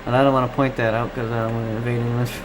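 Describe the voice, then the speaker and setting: Over background noise, a Canadian man chats with his live-stream viewers, answering comments while thinking aloud in a distracted, rambling manner. He is a radio hobbyist with a medium-pitched voice, speaking flatly at a racing pace.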